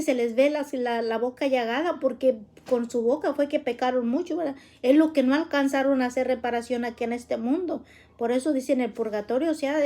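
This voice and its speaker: Woman, religious teacher, high soft-toned voice, casual hesitant delivery full of fillers. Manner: explains with constant tag questions and fillers; plain, patient, conversational.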